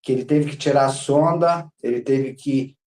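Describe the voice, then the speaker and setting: A man's voice: medium pitch, moderate pace, a little mellow. A Brazilian man, a podcast guest, telling his story in a rambling, casual way, with lots of filler words. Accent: Brazilian Portuguese.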